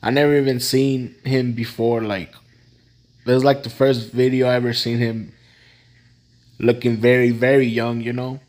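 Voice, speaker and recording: A man's voice: medium pitch, little pitch movement, normal speed, darkish tone. A young man hosting a casual reaction video, talking in a laid-back, slangy way. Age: young adult.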